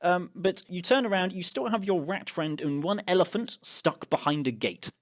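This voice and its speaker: A man's voice: sits high, lively intonation, normal speed. A man narrating as game master of an improvised tabletop role-playing game, often restarting his sentences. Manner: hesitant, with repeated restarts.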